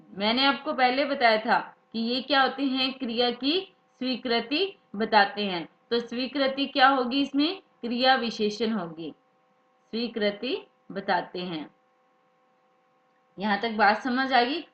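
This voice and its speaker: Slow, echoey woman teacher. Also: high voice, fairly bright tone. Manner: slow, repeats key words as questions to students. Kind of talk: Hindi grammar lesson. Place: classroom or study room, writing examples. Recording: echoey room, dull lo-fi sound.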